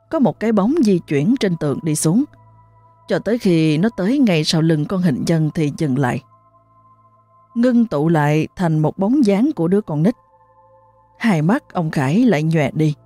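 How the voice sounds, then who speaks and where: Brief: woman storyteller, steady horror narration, warm dark tone. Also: on the low side, moderate pace, no room sound, faint music behind.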